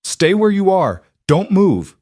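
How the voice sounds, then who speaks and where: A man's voice: fairly low pitch, animated, takes it slowly, darkish tone, no room sound, clean studio sound. A man doing an alarmed, protective father. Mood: shouting. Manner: urgent but controlled.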